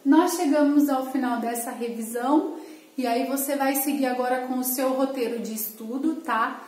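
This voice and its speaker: Brief: woman schoolteacher, high voice, patient and clear, echoey room. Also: normal speed, darkish tone. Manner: clear, patient, explanatory, frequent "tá?" check-ins. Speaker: teacher. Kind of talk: recorded online lesson for children.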